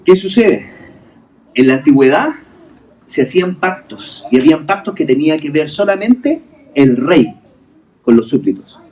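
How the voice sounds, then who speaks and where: A man's voice: on the high side, sing-song, moderate pace, pauses often, a little mellow, recorded from a distance, a little hiss or hum. A male pastor preaching a sermon in a hotel hall, asking the congregation rhetorical questions and mixing English terms into his talk.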